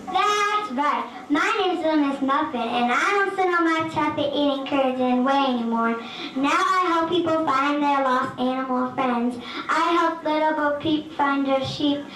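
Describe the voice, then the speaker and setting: A woman's voice: sits high, a little slow, a bit bright, reverberant, poor audio. A woman playing a spunky young girl detective in a mock advertisement. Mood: perky.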